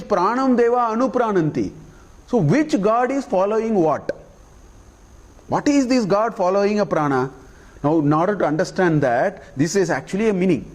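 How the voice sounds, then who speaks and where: A man teaches a scripture class in a fairly high voice. He recites Sanskrit verses slowly and deliberately, then unpacks each one plainly for his listeners, often pausing to ask "okay?" before he moves on. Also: a little mellow. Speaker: Vedanta teacher.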